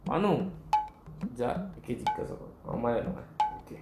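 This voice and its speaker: A man's voice: mid-range voice, lively intonation, normal speed, gravelly. An actor playing a doting uncle who coaxes his nephew and scolds his servant, in an echoey room with music behind. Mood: coaxing. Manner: coaxing, pleading, scolds the servant.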